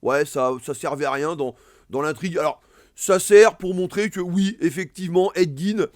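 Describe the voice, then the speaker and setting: A man's voice: fairly high pitch, normal speed, no room sound, studio quality. A man casually reviewing films and series, rambling with many fillers and restarts. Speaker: film reviewer. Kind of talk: casual film review monologue.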